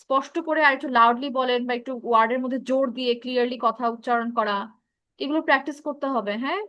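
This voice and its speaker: A woman's voice: high-pitched, very fast, a bit bright, no room sound, lo-fi sound. A woman with a Bangladeshi accent teaching an online English speaking class, giving feedback and mixing Bengali with English. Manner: instructive, mixes Bengali and English.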